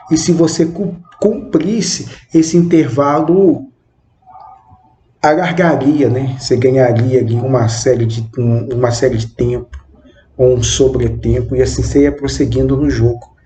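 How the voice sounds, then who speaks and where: A man in his twenties giving a reflective spoken monologue, with halting, measured phrasing and frequent questioning tag words. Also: medium pitch, warm tone. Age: 20s. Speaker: channel host. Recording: roomy echo with faint background noise.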